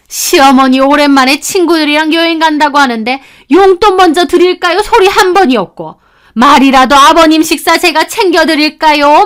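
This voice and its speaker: A woman voicing a nagging, sharp-tongued older mother-in-law who scolds with contempt. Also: very high-pitched.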